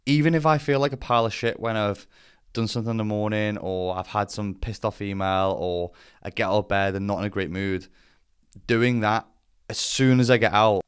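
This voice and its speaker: Clear-voiced man, lowish and blunt. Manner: blunt, sweary, self-deprecating. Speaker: vlogger presenting to camera. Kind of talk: casual explainer talk.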